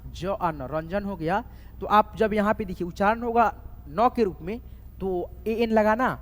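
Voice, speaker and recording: A man teaching a spelling lesson, slowly spelling words letter by letter and often checking that viewers follow. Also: high-pitched. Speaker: online English tutor. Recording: echoey room with long reverb.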